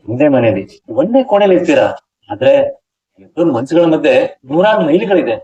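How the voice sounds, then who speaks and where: An earnest, fast-talking young brother-in-law. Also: male voice, on the high side, big pitch swings, warm tone. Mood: pleading. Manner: earnest, speechifying. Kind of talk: TV serial acting. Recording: dull lo-fi TV audio.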